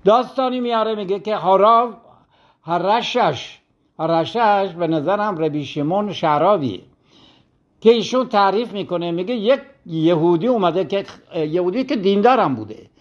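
Man, religious teacher, sermon storytelling, somewhat high voice, dull lo-fi broadcast sound. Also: expressive. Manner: storytelling, acting out quoted complaints.

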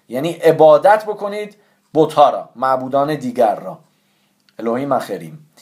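A man with a slightly high voice gives a religious lesson. He explains things patiently and step by step, and he keeps coming back to how each prayer word should be pronounced. His tone is earnest and instructive. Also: a little mellow. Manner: careful, explanatory, stresses correct pronunciation.

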